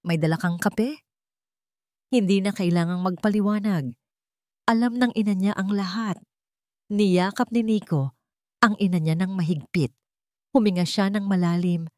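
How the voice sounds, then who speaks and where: Narrating a scripted dramatic story, a woman with a Filipino accent speaks at a fairly low pitch with a slightly mellow tone. The audio is studio quality, free of echo.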